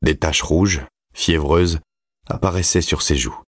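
Un homme qui lit un roman en livre audio, d'un ton posé et régulier. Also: male voice, extremely low pitch, no room sound, clean studio sound. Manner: steady, measured storytelling. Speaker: narrator. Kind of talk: audiobook reading.

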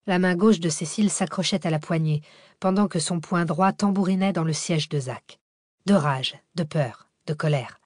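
A woman reads a thriller audiobook in a steady, measured way. Her voice sits on the low side, and the recording is dry and close. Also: dry recording. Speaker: audiobook narrator. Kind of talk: scripted narration.

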